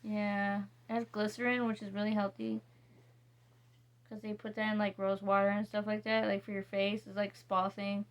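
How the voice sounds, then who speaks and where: A woman casually reviewing bar soaps, reading ingredients slowly and rambling with many fillers and restarts. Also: medium pitch, completely flat delivery, highs cut off. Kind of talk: casual product review chat.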